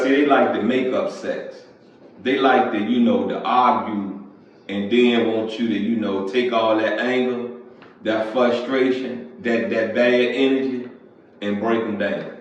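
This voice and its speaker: A man preaching casually as a pastor and podcast host, often clearing his throat and asking "you feel me". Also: medium pitch. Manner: conversational, repeats "you feel me". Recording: echoey, distant, dull lo-fi sound.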